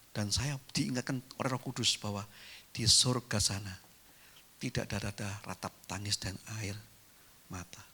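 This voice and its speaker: Bright-voiced man preaching animatedly. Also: medium pitch, breathy edge. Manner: animated storytelling, addresses the congregation directly. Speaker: pastor. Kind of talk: sermon. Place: church.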